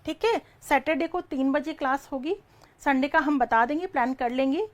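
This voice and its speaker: This woman teaches exam prep online, shooting out fast questions, restating the answers, and referring to her students as "beta." Her voice sits high.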